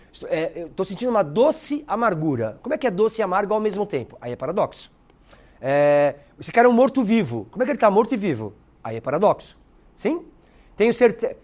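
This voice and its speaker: A middle-aged man with a Brazilian Portuguese accent teaching literature in a lively exam-prep lecture, playful and teasing with his students. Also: high-pitched.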